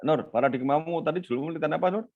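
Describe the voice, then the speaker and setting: A man's voice: fairly high pitch, very fast, narrow, tinny audio. A male lecturer, teaching an online class and teasingly quizzing students by name.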